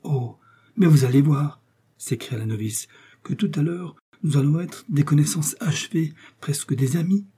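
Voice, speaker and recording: A man reading aloud and voicing an earnest, trusting young woman in a higher, eager and emphatic voice. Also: brisk, mellow, slightly rough, close to an everyday voice.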